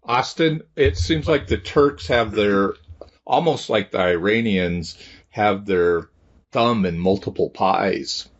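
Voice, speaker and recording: A man hosting a discussion show, asking a co-host an unhurried question. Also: on the low side, dull audio. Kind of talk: casual discussion.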